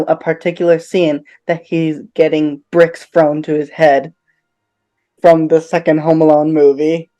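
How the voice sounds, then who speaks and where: A man's voice: fairly high pitch, a little mellow. A man co-hosting a behind-the-scenes commentary, upbeat, steering the talk and prompting his partner. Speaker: co-host and actor in the fan film. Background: faint film music.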